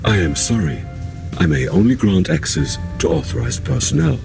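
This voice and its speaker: An actor playing a calm male station guardian computer that speaks in flat, formal, repetitive machine announcements for a video game. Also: sits low, moderate pace, vocal fry, heavily acted. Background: game music.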